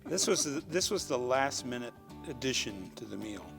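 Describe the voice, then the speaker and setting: A man working as the chef on a cooking show, explaining each dish in a relaxed, plain way. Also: medium pitch, normal speed, creaky, over music. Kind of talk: casual cooking-show presenting.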